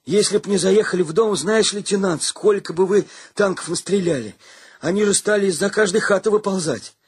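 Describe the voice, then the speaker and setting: A man doing a bragging young soldier, high and eager. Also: slightly rough, dry recording. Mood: boastful, excited. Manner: rapid bragging tale, rising excitement. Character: boastful young male soldier, excitable.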